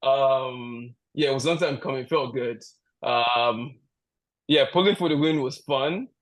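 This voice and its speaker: Speaking a little slowly in a medium-pitched voice, a powerlifter from Canada chats casually as a podcast guest. He often jokes and laughs and tends to ramble with restarts throughout the interview.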